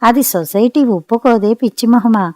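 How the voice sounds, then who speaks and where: A woman's voice: on the high side, moderate pace, mellow, no room sound, studio quality, lightly acted. A woman reader voicing a joking husband who grows exasperated, in a storybook reading. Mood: annoyed. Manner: joking, then grumbling. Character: teasing middle-class husband, easily exasperated.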